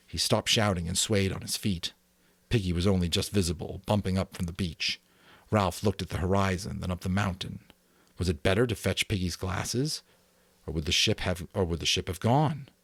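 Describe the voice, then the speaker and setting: Low-pitched and recorded without room sound, this amateur narrator performs a novel dramatically as an audiobook. He occasionally fumbles, going back over lines and restarting takes.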